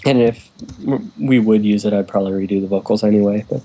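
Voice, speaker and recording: A man's voice: fairly low pitch, fast talker, mellow, slight background noise, poor audio. A laid-back man, a musician, chatting casually and chuckling often. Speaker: musician guest. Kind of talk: casual group chat.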